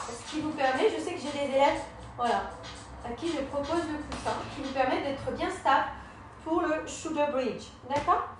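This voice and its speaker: A woman with a high voice leads a Pilates class, encouragingly cueing the breathing and each movement step by step. She's a Pilates and yoga instructor heard from a distant mic in a very echoey room, with faint music and a little hiss or hum.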